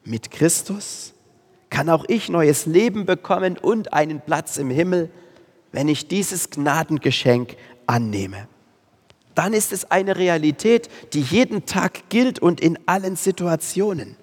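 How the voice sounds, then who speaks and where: A man preaching a sermon, slow and emphatic, repeating key phrases with weight. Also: a little high, lively intonation, breathy edge. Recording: long reverb in a church hall.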